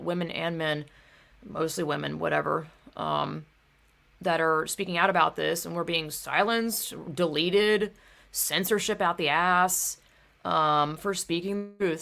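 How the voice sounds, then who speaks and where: Gravelly-voiced young woman ranting. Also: lowish voice, fairly bright tone. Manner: heated, swears often, fills speech with "like" and "dude". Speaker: vlogger. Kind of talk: casual ranting monologue.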